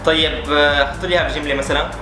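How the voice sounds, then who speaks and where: A man's voice: on the high side, fairly even intonation, rapid-fire. A man with a Syrian Arabic accent chatting casually and guessing aloud in a challenge. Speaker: contestant in a dialect challenge. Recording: echoey room, music behind.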